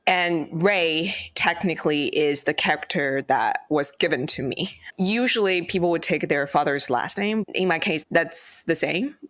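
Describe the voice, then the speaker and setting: A man's voice: on the high side, a bit bright, no echo, studio quality. A man hosting a podcast, asking friendly, curious questions in casual chat. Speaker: podcast host. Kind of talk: casual interview.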